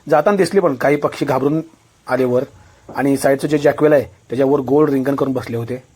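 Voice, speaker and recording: A man's voice: medium pitch, fairly quick, a little mellow. A man casually narrating a vlog outdoors by a river, explaining things to viewers. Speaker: vlogger.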